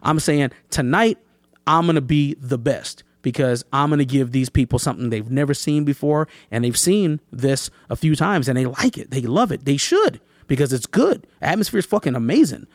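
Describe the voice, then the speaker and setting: A man's voice: medium pitch, normal speed, no room sound, clean studio sound. A young man, a rapper, boasting and cursing as he tells a backstage story in casual talk, acting out what others said. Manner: profane, boastful, animated storyteller who acts out quotes. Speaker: rapper and touring opener.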